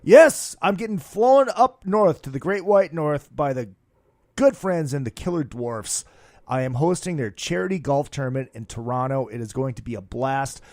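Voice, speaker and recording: A man's voice: medium pitch, normal speed, darkish tone, no room sound. A hungover man hosting a rock podcast in a studio, rambling through casual plugs in a brash, profane, slangy showman's way. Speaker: podcast host.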